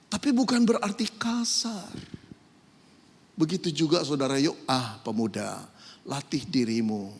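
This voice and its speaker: A man preaching a sermon, swinging between loud emphasis and soft asides. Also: fairly high pitch, creaky, slightly rough. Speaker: pastor. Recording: echoey hall with long reverb.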